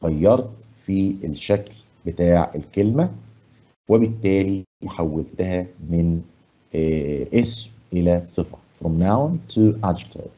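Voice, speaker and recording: معلم مصري بصوت منخفض دافئ. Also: male voice, low-pitched, breathy edge, lo-fi sound. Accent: Egyptian Arabic. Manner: asks the class questions and answers them himself; stresses English words slowly and loudly. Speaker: English teacher. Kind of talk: classroom lesson explaining grammar and pronunciation. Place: studio.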